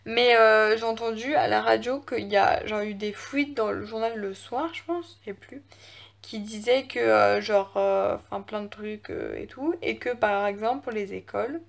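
Rambling teen girl, gravelly edge. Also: mid-range voice, normal speed. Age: teens. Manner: rambling, full of fillers and hesitations. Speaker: vlogger. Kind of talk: casual chat. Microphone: phone camera.

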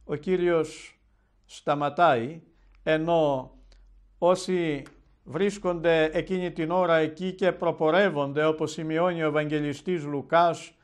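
A man, an Orthodox bishop, preaching a televised Gospel sermon in a measured, solemn storytelling manner. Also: a little high, steady tone.

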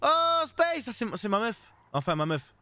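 A brash man plays a gang character in a GTA roleplay. He talks fast in a high voice and teases the others, often repeating the same phrase. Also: lively intonation, noisy background. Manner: brash, teasing, repeats himself. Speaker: streamer playing a gang character.

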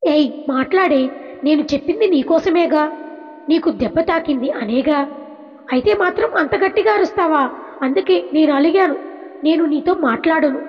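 Woman doing a teasing young storybook wife, high voice, coaxing, reverberant, lo-fi. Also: moderate pace, lightly acted. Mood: sulking. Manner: coaxing and cheeky. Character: playful young village wife, teasing and sulky. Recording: reverberant, dull lo-fi recording.

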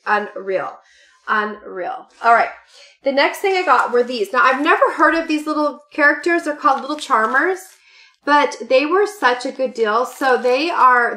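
A woman in her late thirties sits at a desk at home, in a room decorated for a party, gushing to the camera about party supplies she bought. Her fairly high, sharp voice is bubbly and full of fillers and "you guys" in this chatty haul video.

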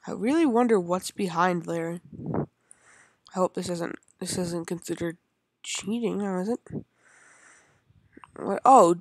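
A young woman gamer talks her way through a level in loose, rambling commentary, half to herself and half to her viewers. Her voice sits on the low side for a woman, and it is recorded close and dry with no room sound. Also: unhurried, pauses often, husky, no echo. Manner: chatty and rambling, talks to herself while playing. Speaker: gaming channel host. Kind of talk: casual gameplay commentary.

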